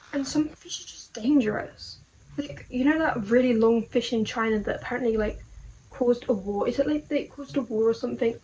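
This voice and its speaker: A young woman rambles through her video diary in a slightly high voice. She talks casually and in a puzzled way, stacking up "like"s and rhetorical questions. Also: darkish tone, rough recording. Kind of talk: casual rambling monologue to camera.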